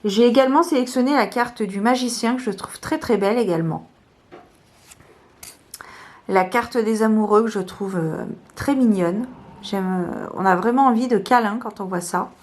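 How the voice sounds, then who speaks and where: A woman casually showing her favourite tarot cards, talking hesitantly with many fillers. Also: medium pitch. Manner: slow, soft-spoken. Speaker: tarot vlogger.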